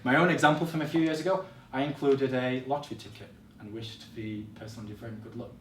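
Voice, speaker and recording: A man's voice: mid-range voice, fairly even intonation, fast, fairly bright tone, far from the mic, a little hiss or hum. A young man giving an encouraging workshop talk to students, direct and upbeat. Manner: encouraging, direct, addresses audience as guys. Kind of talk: motivational presentation to students. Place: college classroom or hall. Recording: echoey room, voice off-mic.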